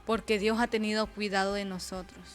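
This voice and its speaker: A woman's voice: medium pitch, flat delivery, soft background music. A woman preaching a sermon at an intercession program, reading Bible passages aloud and often asking "¿verdad?" as she goes. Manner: slow, repeats "¿verdad?", reads scripture louder and slower.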